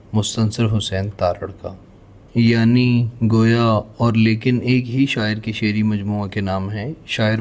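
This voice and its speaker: Low-voiced Pakistani man teaching exam answers. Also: a little mellow. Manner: measured, explains each idiom then repeats it. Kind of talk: exam-prep lecture reading questions and answers.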